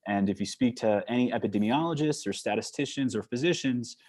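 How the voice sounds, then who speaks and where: A man with a Long Island accent, from New York, giving a fast-paced online talk as a psychologist, with frequent fillers and restarts. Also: medium pitch, darkish tone. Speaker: guest speaker, psychologist. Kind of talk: online presentation. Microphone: video call.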